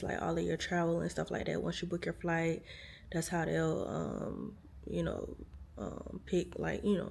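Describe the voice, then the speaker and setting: Gravelly and darkish, with fairly low pitch, this tired woman's voice comes with a little hiss or hum. The American vlogger is chatting casually to viewers from a hospital room, telling stories to camera with plenty of fillers and lots of "y'all."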